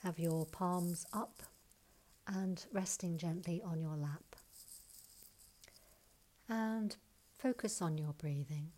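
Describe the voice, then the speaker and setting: Slow, low-voiced woman guiding breathing. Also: dark tone. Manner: slow soothing counting instructions. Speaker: breathing exercise guide. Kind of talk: guided breathing meditation.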